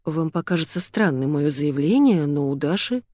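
A woman's voice: low voice, lively intonation, normal speed, warm tone, no room sound. A woman voicing a frank woman friend who sighs wearily. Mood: weary. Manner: sighing.

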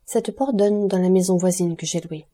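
A grave, mysterious count, read by a woman speaks low and insistently in an audiobook. The tone is very dark and mellow, a little husky, and softly restrained. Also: normal speed, natural voice. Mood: grave hushed. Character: mysterious male count, calm, grave protector. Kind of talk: audiobook character reading.

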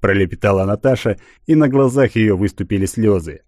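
A man reading a literary audiobook in a measured, even way. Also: fairly low pitch, no echo, studio quality. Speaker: audiobook narrator.

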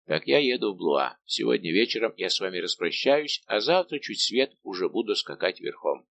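A man reading aloud voicing a calm, dignified older nobleman. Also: on the low side, creaky, a little hiss or hum, heavily acted. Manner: measured, dignified, gently refusing.

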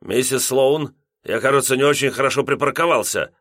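A man's voice: mid-range voice, brisk, a bit bright, no echo, clean studio sound, voice pushed up, natural voice. A man voicing a drunk, giggling heavyset lodger who talks in a silly, drawling way. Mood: tipsy.

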